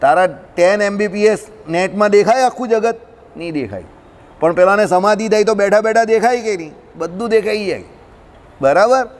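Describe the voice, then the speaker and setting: A man giving a lively scripture discourse, talking straight to his listeners and slipping in English words. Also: high-pitched, moderate pace. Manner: lively, addresses listeners directly, mixes in English. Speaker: scripture teacher. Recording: long reverb of a hall.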